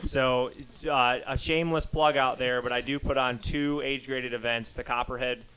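Smooth-voiced man in his thirties hosting. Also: mid-range voice, steady tone, moderate pace, pushed and bright, rough recording. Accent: Southern US. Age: 30s. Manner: reads a long list of race results, then chats with fillers. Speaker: podcast host and running coach. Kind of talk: podcast chat with a scripted intro. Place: studio.

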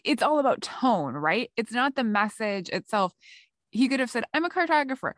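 A woman's voice: on the high side, lively intonation, moderate pace, dry recording, studio quality. A woman co-hosting a podcast, chatting casually and laughing often as she tells and reads out stories. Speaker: podcast co-host. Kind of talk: casual chat.

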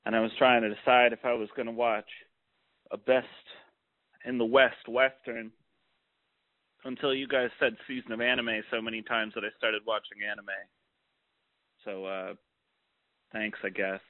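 A man's voice: mid-range voice, fairly even intonation, moderate pace, long pauses, no echo. A man leaving a casual, offhand voicemail over a landline phone, with hesitant fillers between his thoughts. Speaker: voicemail caller. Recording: tinny dry phone line.

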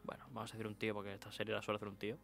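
A man's voice: fairly low pitch, monotone, racing, vocal fry, fairly bright tone, faint music behind. A man co-hosting a casual anime podcast, joking and teasing with crude banter. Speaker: podcast co-host.

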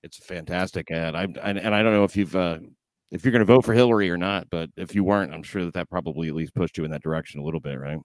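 Low-voiced guy on a podcast, deadpan and dry, close dead-sounding mic. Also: fast talker, no echo. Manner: dry, deadpan delivery with crude jokes. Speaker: podcast host. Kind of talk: casual comedic podcast chat.

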